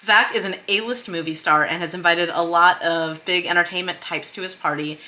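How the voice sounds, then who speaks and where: A woman hosting a filmmaking vlog series talks to camera with a screen share, chattily explaining her process and stressing key words. Her voice is fairly low and steady, sharp in tone, at a normal speed.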